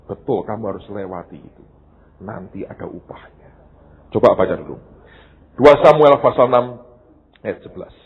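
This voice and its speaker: A man's voice: lowish voice, expressive, normal speed, long pauses, husky. A middle-aged male pastor, preaching a sermon as a storyteller who acts out the dialogue. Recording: tinny phone-like sound.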